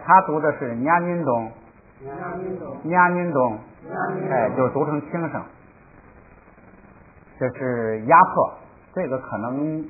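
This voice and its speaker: A man leads an informal language lesson at a middle pitch, musing aloud and drilling each word several times over. The sound is narrow and phone-like, with a faint hiss behind him. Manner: thinks aloud with many fillers, repeats words slowly for practice. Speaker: language teacher. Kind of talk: casual spoken lesson.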